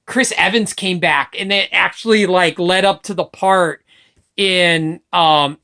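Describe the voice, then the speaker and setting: A woman vlogging casual opinion chat, excitable and gushing, swearing casually, filmed on a webcam or phone. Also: lowish voice.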